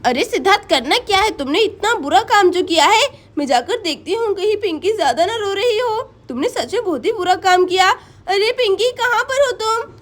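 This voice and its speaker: A woman's voice: very high-pitched, lively intonation, moderate pace. Woman voicing a firm scolding elder sister-in-law.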